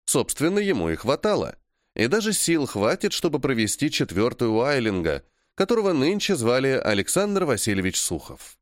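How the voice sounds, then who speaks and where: A man reading a first-person fantasy audiobook in a measured, matter-of-fact way. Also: medium pitch, sing-song, no echo, clean studio sound. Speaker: audiobook narrator.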